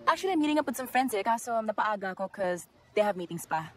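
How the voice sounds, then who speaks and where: An actress playing a sassy, teasing young wife in a romantic comedy film. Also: female voice, medium pitch, animated, fast talker, soft background music, natural voice.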